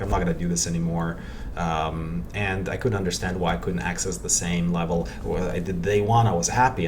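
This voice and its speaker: A Ukrainian man in his forties, a meditation practitioner guesting on a casual podcast, speaks in a very low voice. He reflects and thinks aloud, circling back and repeating words as he searches for them, recorded from some distance with steady, clear background noise.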